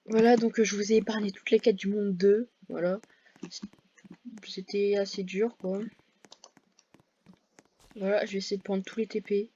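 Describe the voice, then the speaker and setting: Woman, casual game commentary, mellow dark voice, dull lo-fi recording. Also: mid-range voice, little pitch movement, normal speed, pauses often, breathy edge. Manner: chatty, hesitant, many fillers and self-corrections. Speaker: gaming video creator.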